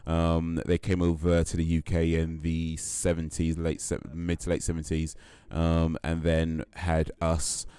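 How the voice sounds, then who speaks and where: In a casual chat with his stream viewers, a young man from the UK speaks in a rumbling low, mellow, clean-toned monotone, unhurried and with hardly any pauses. He's a laid-back livestream host who laughs often and uses lots of fillers and repeats.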